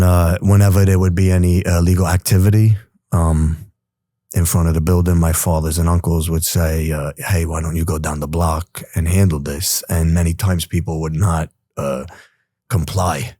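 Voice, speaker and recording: This forties-aged interview guest from New York City talks about his past in a low voice at normal speed, casual and animated. He leans on "bro" and "you know," sounds streetwise, and is recorded in a studio with no room sound.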